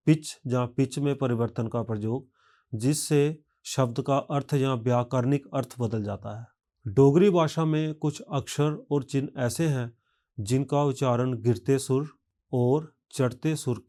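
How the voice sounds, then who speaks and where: A man teaching a recorded language lesson, speaking carefully and pronouncing each example word deliberately. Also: medium pitch, dark tone. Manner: slow, careful, measured delivery.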